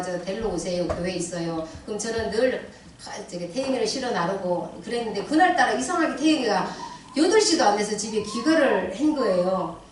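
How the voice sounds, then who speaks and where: A middle-aged woman stands before a church congregation and gives a personal testimony, acting out her own cries and prayers as she tells it. Her voice sits a little high. It comes from some distance and rings around a very echoey hall. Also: a little hiss or hum. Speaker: church deaconess giving testimony.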